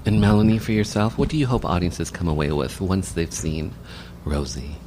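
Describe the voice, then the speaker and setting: A man's voice: low-pitched, normal speed, background noise. A man hosting a radio show, interviewing and announcing.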